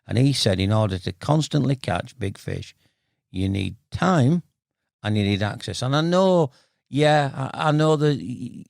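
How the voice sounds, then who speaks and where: A man's voice: medium pitch, animated, a little slow, vocal fry, a little mellow, no room sound, clean studio sound. A man in his sixties from Bradford with a Yorkshire accent, chatting and telling stories as an interview guest in a blunt, matey, colloquial way. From Bradford, Yorkshire, northern England. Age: 60s. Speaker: podcast guest, veteran carp angler. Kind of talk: casual interview storytelling.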